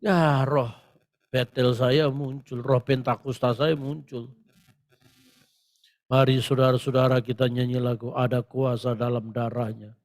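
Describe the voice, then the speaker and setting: A male pastor preaching a Pentecostal sermon, telling stories with great animation and breaking into shouted proclamations. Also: mid-range voice, little pitch movement, measured pace.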